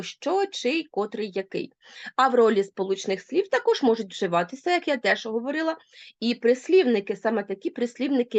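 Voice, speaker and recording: Lively woman teacher giving a grammar lesson. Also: medium pitch, dry recording. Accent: Ukrainian. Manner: lively, emphatic explaining with stressed example words. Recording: dull, lo-fi dry sound.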